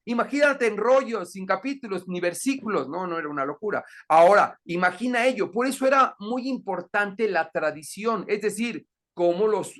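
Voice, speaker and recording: A man's voice: high voice, fairly bright tone. A man teaching an introductory Bible class, explaining patiently and often checking that the listener is following. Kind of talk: catechism lesson.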